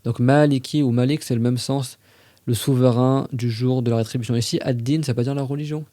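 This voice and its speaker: A man explaining religious texts in a relaxed, conversational way, as if chatting with younger listeners. His voice is mellow and warm. The sound is close and dry, with no room around it. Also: mid-range voice, no room sound. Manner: conversational, recites Arabic verses slowly and carefully. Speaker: religious teacher on a podcast. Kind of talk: casual explanatory lesson.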